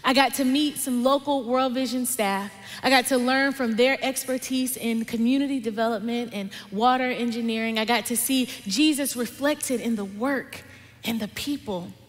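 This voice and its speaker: A young adult woman giving a conversational, dynamic sermon as a guest speaker, dropping to soft emphasis on key words. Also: fairly high pitch, moderate pace, faint music behind. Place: large church stage with lights and screens. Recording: long hall reverb from a big auditorium.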